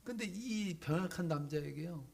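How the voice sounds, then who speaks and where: A man pastor delivers a sermon with dramatic storytelling, swinging between loud bursts and breathy whispers. His voice sits high for a man. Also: animated, moderate pace.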